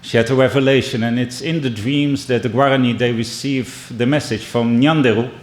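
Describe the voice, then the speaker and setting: A middle-aged man from the Netherlands with a Dutch and Brazilian accent, giving a measured keynote speech and telling stories, often pausing and restarting. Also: medium pitch, steady tone. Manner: measured, with frequent restarts and pauses. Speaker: keynote speaker. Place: indoor conference hall. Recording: echoey hall.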